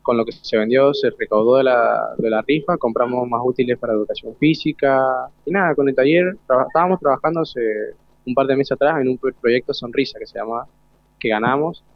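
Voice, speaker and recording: A teenage male student delegate with an Argentine accent is interviewed in a casual chat, speaking modestly and colloquially. His mid-range voice runs a little fast with some vocal fry, and although there's no echo, the recording sounds dull and lo-fi, like radio.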